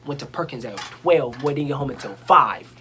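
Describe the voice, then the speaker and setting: A young man chatting casually, telling stories with lively acted-out quotes. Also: medium pitch, normal speed, crowd noise. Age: young adult. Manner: animated storyteller, acts out quoted voices. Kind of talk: casual storytelling chat.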